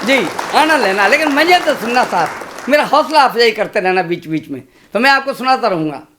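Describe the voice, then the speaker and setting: A man's voice: extremely high pitch, lively intonation, brisk, a crowd in the background, background noise. A man in his sixties, a comic poet reciting humorous verse on stage, repeating lines and making chatty asides to the audience.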